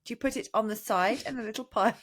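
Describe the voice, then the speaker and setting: A woman's voice: on the high side, racing. A woman co-hosting a podcast in casual, chatty and playful conversation. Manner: chatty, playful, full of laughs. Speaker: podcast co-host. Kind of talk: casual chat.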